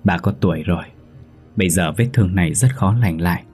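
A man voicing a calm doctor giving grim news. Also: low voice, a little fast, breathy edge, soft background music. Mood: grave.

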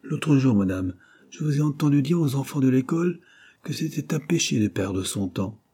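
A sulky, restless young man, put on by a male audiobook reader, pleading in a raised, husky voice. The tone stays dark and a little breathy, with a petulant edge. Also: medium pitch, expressive, moderate pace, voice pushed up. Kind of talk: audiobook character reading.

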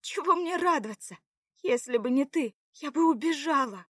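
A woman voicing a proud, scornful young captive woman, sharp and higher than her narration. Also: very animated, moderate pace, no room sound, studio quality. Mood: indignant.

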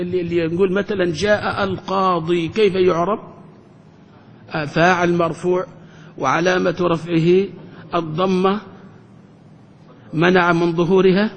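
A man, a sheikh teaching a classroom grammar lesson who keeps quizzing the class and slowly draws out his example phrases. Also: breathy edge. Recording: reverberant hall with faint rumble.

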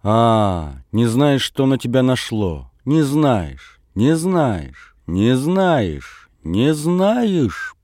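A man's voice: mid-range voice, sing-song, measured pace, few pauses, mellow, no echo, studio quality. A man reading aloud, voicing a stern father who scolds and mocks his son in a storybook reading. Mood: scolding. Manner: sternly scolding, mocking repetition.

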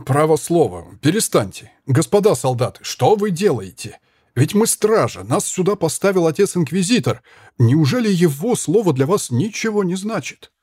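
A man's voice: on the high side, big pitch swings, moderate pace, darkish tone, slightly rough, dry recording, clean studio sound, pitched above the performer's own voice. A man voicing an earnest young Flemish lad who pleads and protests indignantly. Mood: pleading.

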